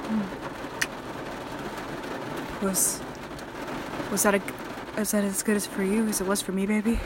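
A woman's voice: medium pitch, flat delivery, unhurried, noisy background, close to an everyday voice. A woman voicing a volatile, possessive male killer in an audio drama, speaking in a controlling, threatening manner. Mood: softly menacing. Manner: menacing and controlling, soft-spoken then raging. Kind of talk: erotic horror audio drama.

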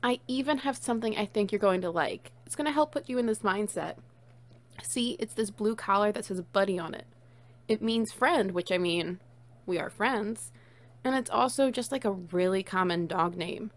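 In an intimate one-sided audio role-play, a woman plays a playful, bossy friend who teases, coaxes, and dotes on the listener with cooing praise. Her mid-range voice moves at normal speed and is lightly acted.

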